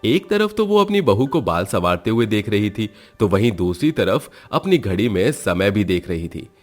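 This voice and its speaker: Deep-voiced male storyteller. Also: very animated, normal speed, faint music behind. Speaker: narrator. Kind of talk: scripted storybook narration.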